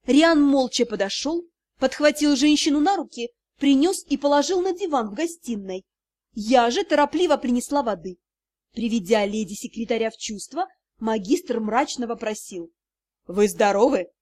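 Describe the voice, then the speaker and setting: A woman narrating a first-person fantasy novel with an expressive storytelling delivery. Her voice sits high for a woman. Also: moderate pace. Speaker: audiobook narrator.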